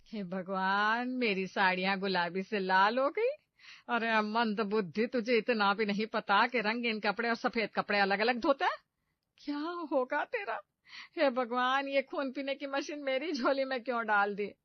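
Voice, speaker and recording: Lady voicing a furious yelling saas, keeps throwing insults, dry dull lo-fi sound. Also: mid-range voice, normal speed, dry recording, close to an everyday voice. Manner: shouting insults, loud and scolding. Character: scolding middle-aged mother-in-law, short-tempered.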